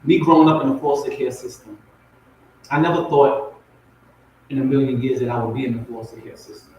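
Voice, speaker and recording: He has a medium-pitched, darkish voice and talks a little fast, sounding very echoey and set back from the mic, with noise in the recording. A spoken word poet on a talk show, raised in Compton, California and Portmore, Jamaica, he gives informal personal testimony and repeats phrases for emphasis.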